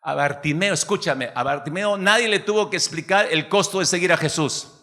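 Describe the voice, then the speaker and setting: A man preaching a sermon to his congregation, lively, acting out the voices of people in the story. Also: high voice, a little fast, long reverb tail. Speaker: pastor.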